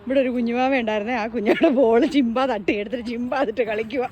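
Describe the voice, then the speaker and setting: A woman's voice: on the high side, fairly even intonation, fast, darkish tone, a little hiss or hum. A woman filming her pet dog, chatting casually to it and to viewers in a sing-song baby-talk way.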